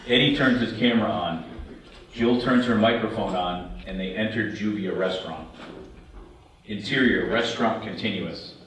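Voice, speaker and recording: At a table read, a man reads scripted stage directions as narration, sitting away from the mic in an echoey room with faint noise. His voice is fairly low and a bit bright, and he keeps a normal speed.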